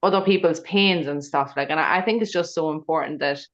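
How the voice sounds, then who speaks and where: Low-voiced woman on a dull line. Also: fairly quick. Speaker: podcast guest. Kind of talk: casual podcast chat.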